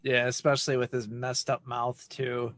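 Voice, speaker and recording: A man's voice: mid-range voice, completely flat delivery, normal speed, fairly bright tone, no echo, studio quality. A man co-hosting a casual podcast chat, laughing often and agreeing readily. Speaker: podcast co-host.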